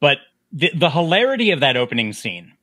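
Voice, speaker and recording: A man's voice: on the high side, fairly quick, dry recording. A man hosting a casual film discussion podcast, talking animatedly and acting out lines from the film. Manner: animated, acts out quotes in a breathy whisper. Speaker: podcast host.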